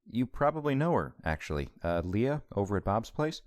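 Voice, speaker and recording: A man's voice: fairly low pitch, sing-song, moderate pace, darkish tone, no echo, pitched above the performer's own voice. A man voicing a polite, wary young man who keeps his talk carefully casual and respectful.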